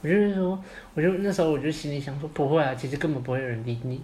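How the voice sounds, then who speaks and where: Quick Taiwanese man, slightly high voice. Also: a little mellow, slight background noise. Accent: Taiwanese Mandarin. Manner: quick, agreeable, lots of "yeah yeah". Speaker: podcast co-host, dating coach. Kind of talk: casual chat.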